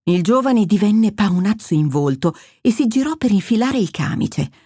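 Steady woman narrating a thriller. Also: medium pitch, breathy edge, no room sound, studio quality. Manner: measured, steady storytelling. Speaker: audiobook narrator. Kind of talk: scripted narration.

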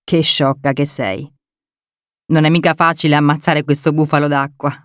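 A woman's voice: low voice, level tone, normal speed, no echo, close to an everyday voice. A woman reading an audiobook voices an elderly grandmother who teases and reassures her daughter, in a dry, close recording. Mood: teasing. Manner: teasing, reassuring. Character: elderly grandmother, tough and joking.

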